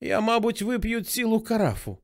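A frail old mother after a stroke speaks high and slow, hoarse and halting as she pleads with her son, as a male reader puts her on. Her pitch climbs and falls with feeling in this audiobook reading. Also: big pitch swings. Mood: pleading, confused.

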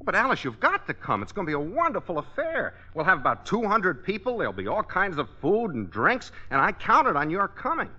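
A sardonic, teasing friend in an old radio comedy, his pitch swooping widely from line to line. The voice is bright and a bit high. It comes through dull and lo-fi, like a vintage broadcast. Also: wildly swooping pitch, a little fast, hardly any pauses, heavily acted. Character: wry teasing male party host. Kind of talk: 1940s radio sitcom acting.

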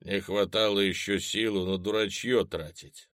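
A man playing a gruff, commanding army captain who barks brusque orders. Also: fairly low pitch, steady tone, normal speed, a bit bright, no echo, studio quality, lightly acted. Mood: stern.

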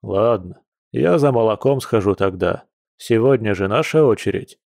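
A man voicing a relaxed, grumbling bear-shifter man. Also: fairly low pitch, moderate pace, creaky, no room sound, studio quality. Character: easygoing grown grandson, bear-shifter man.

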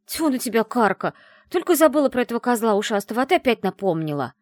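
A woman's voice: on the high side, big pitch swings, fairly quick, a little mellow, no echo, clean studio sound, pitched above the performer's own voice. A woman voicing a teasing young witch friend in an audiobook, in a playful, mocking manner. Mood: indignant. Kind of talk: audiobook character voice.

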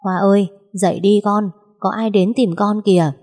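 A woman's voice: medium pitch, fairly even intonation, normal speed, voice pushed up, lightly acted. A woman voicing a caring mother who fusses over her grown daughter in a read-aloud story. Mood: gentle. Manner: gentle, fussing. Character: caring mother, gentle and worried.

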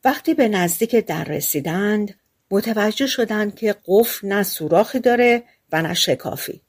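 A woman reading a fairy tale aloud as an audiobook narrator, lively and giving the characters their own lines. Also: mid-range voice, husky. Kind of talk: storybook narration.

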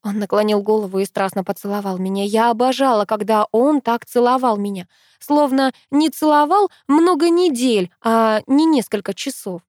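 A woman reading a first-person romance audiobook with intimate, expressive narration. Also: fairly high pitch, normal speed, no room sound, studio quality.

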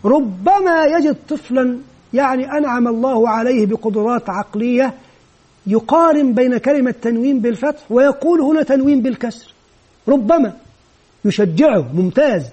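A man's voice: very high voice, normal speed, a little mellow, husky, muffled recording. A man giving an instructional lecture on teaching children to read, explaining each step patiently and modelling what the teacher says. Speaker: teacher trainer.

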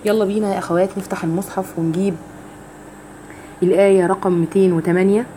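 A woman with an Egyptian accent teaching a religious lesson on Quran recitation, explaining step by step with rhetorical questions and slowly demonstrating each phrase. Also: medium pitch, steady tone, mellow, a little hiss or hum. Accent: Egyptian Arabic.

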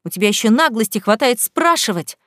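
A woman's voice: on the high side, expressive, a little fast, fairly bright tone, no echo, clean studio sound. Woman doing a sneering, spiteful rich girl. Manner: mocking, sneering, snide sing-song. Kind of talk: audiobook character reading.

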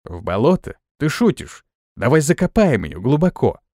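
Brief: brash young trainee, indignant, shouty, lively pitch, dry sound; played by a man. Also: moderate pace, dry recording. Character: young male police trainee, hot-tempered.

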